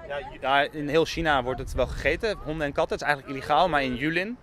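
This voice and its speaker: A man's voice: on the high side, fast talker, fairly bright tone. Young man interviewing on a street. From Netherlands. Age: young adult. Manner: probing, persistent questions. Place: busy town street outdoors. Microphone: handheld mic with fur windscreen. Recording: faint street noise.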